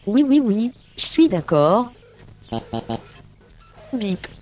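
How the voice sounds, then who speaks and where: A little beeping robot tramp. His squeaky, very high voice chirps its beeps and short French phrases, mellow rather than harsh, with a cheerful, agreeable bounce. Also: very animated, slow pace, soft background music, heavily acted. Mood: chirpy.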